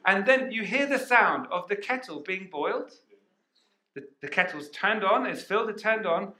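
High, bright-voiced preacher in an echoey hall. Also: male voice, normal speed. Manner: energetic, asks the congregation questions. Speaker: pastor. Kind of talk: sermon. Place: church hall. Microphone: headset mic.

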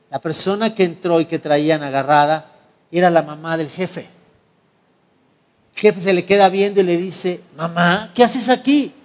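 A man's voice: high-pitched, darkish tone, in a large hall. A male preacher, telling a story in a sermon as a vivid storyteller. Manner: vivid storyteller acting out scenes.

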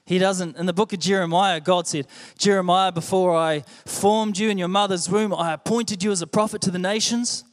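This sermon comes from a young New Zealander with a high, light voice, speaking at normal speed with few pauses and a steady tone. He's earnest and conversational, often repeating words as he goes back over them. The church hall gives the sound a long echo.

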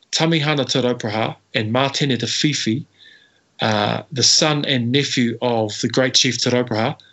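A man, a history guest answering in a casual, animated storytelling way. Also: mid-range voice. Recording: slightly muffled audio.

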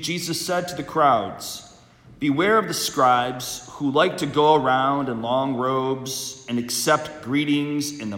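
Priest in a cathedral echo. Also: male voice, mid-range voice, fairly bright tone. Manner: measured, repeats phrases for emphasis. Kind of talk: Gospel reading and homily.

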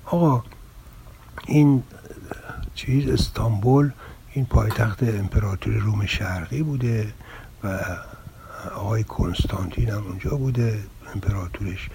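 A man's voice: fairly low pitch, gravelly. An older man, a filmmaker, talking through his own essay in a wry, rambling, anecdotal way. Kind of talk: relaxed spoken essay. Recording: home recording with steady background noise.

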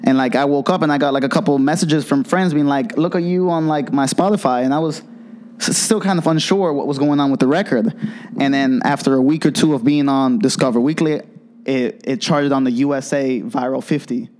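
A man's voice: medium pitch, a little fast, a little mellow. A young man, a DJ and producer, answering interview questions casually and eagerly. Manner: casual and eager, lots of fillers. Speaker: DJ and producer guest. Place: office space during an event.

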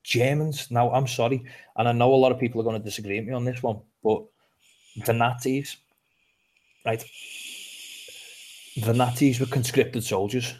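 With a mid-range, slightly mellow voice, a Liverpool-accented man from England talks at a normal speed with fairly even intonation and frequent pauses. Co-hosting a laid-back podcast, he tells chatty stories and curses now and then.

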